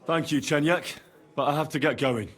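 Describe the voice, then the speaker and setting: A man's voice: a little high, normal speed, fairly bright tone, lightly acted. An actor playing an earnest, polite young male hero in a medieval video game.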